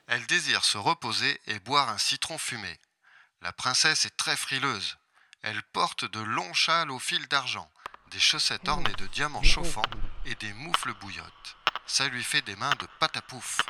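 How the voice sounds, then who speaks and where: A man narrating part of a children's story in a measured, announcing manner. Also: medium pitch, animated, sharp tone.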